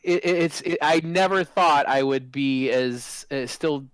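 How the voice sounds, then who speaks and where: Excitable man in his forties, swearing freely. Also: a little high, a little slow, clear, resonant tone, no echo, poor audio. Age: 40s. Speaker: guest, former game product manager. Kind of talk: casual interview chat.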